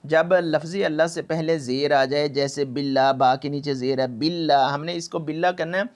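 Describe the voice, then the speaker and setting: A man teaching Quran recitation, drawing out syllables slowly to demonstrate and repeating words over and over, then explaining at a brisk pace. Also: a little high, steady tone. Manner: repeats words again and again for practice. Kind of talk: tajweed lesson, explaining and demonstrating.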